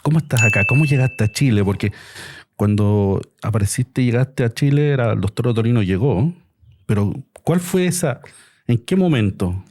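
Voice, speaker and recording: A man hosting a podcast, talking in a relaxed, friendly way. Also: medium pitch, moderate pace. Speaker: podcast host, surgeon. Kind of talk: casual interview chat.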